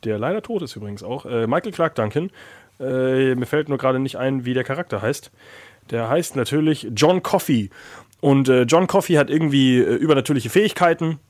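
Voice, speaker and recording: A man's voice: medium pitch, animated, brisk, darkish tone, no echo, studio quality. A man co-hosting a casual film chat, rambling with many filler sounds and jokes. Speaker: podcast co-host.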